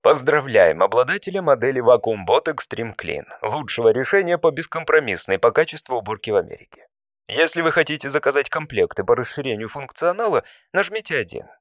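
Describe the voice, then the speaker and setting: Man acting as a deadpan automated phone menu voice. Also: mid-range voice, dry recording, clean studio sound, close to an everyday voice. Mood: polite, automated. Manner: phone menu voice, measured scripted prompts. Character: automated customer support phone menu voice, politely deadpan, faintly exasperated. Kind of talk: scripted comic audio story.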